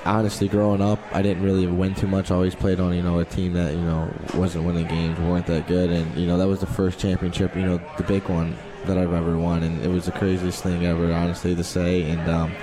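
Fast, low, flat-toned young man. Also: a crowd in the background. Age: young adult. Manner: frequent "you know" filler. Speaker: hockey player guest. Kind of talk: casual interview answers.

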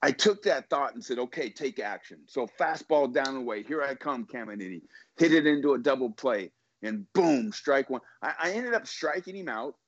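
Middle-aged male guest, ex-pitcher, emphatic motivational storyteller; dull, dry recording. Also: moderate pace, no echo. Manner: emphatic, motivational, repeats words when excited. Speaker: guest, former baseball pitcher. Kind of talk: storytelling in a podcast interview.

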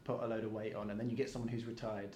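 A man's voice: lowish voice, little pitch movement, dark tone, a little hiss or hum. A man hosting a casual chat, asking questions and dropping in short quips. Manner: brief interjections and quick questions. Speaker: host. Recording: echoey room with faint ambience.

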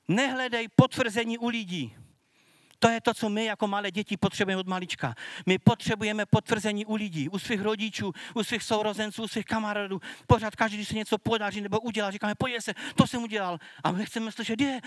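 A man preaching, his voice pitched high for a man. He talks earnestly and conversationally and sometimes restarts his words. The sound is dry and close, with no room echo. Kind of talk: sermon.

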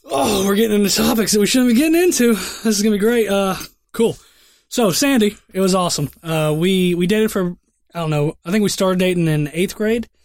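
Young man, podcast co-host, profane rambling storyteller, high pitch, dry close mic. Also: brisk, no echo. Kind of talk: casual crude chat.

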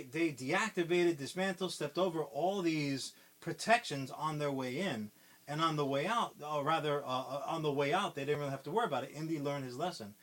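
A podcast co-host with a slightly high, somewhat bright voice casually retells a movie plot. He rambles, swears constantly and uses plenty of fillers.

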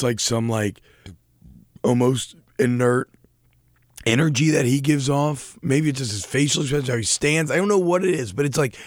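A young man co-hosts a casual podcast about a TV show, rambling in a self-deprecating way with many restarts. His medium-pitched voice is recorded cleanly in a studio with no room sound.

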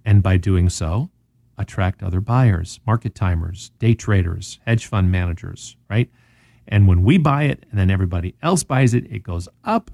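Dry, mellow-voiced Southern man hosting a money talk show. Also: sits low, moderate pace, gravelly, dry recording. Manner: animated, sarcastic, explains with rhetorical questions. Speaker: radio show host. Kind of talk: casual financial talk.

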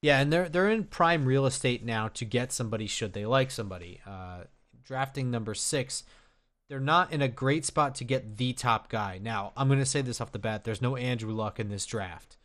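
Man, mid-pitched voice, podcast co-host, measured, lots of um and restarts. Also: a bit bright. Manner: measured, hedging, with many fillers and restarts. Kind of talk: casual sports talk.

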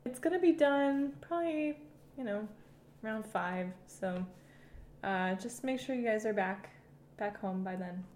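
A woman's voice: mid-range voice, expressive, unhurried, darkish tone, echoey room, a little hiss or hum, lightly acted. A woman playing a tired mother brushing off her son in an improvised comedy. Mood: weary.

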